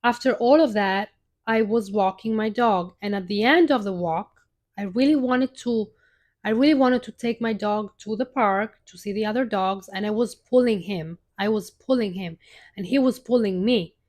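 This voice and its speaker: A woman's voice: medium pitch, moderate pace, a little mellow. A young woman hosting a live stream, telling a personal story in a casual, heartfelt, rambling way with many restarts.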